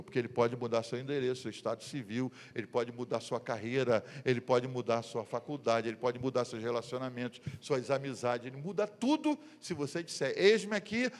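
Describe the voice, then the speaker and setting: A middle-aged Brazilian man preaching a sermon as a pastor. He tells stories and acts out the voices of the people in them. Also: mid-range voice. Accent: Brazilian Portuguese. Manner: storytelling, acting out the voices in his stories. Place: church conference hall. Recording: long reverb of a church hall.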